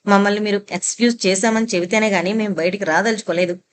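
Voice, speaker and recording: A woman voicing a playful, cheeky young man who teases, sulks and shouts dramatically. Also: medium pitch, fairly even intonation, quick pace, a little hiss or hum, natural voice. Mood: playful shouting. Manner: teasing, sulky, shouts dramatically.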